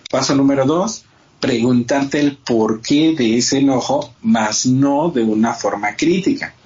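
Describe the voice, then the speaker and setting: Podcast host, male, methodical casual explainer, mid pitch, slightly dull audio. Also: unhurried, darkish tone. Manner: explains step by step, acts out quoted dialogue.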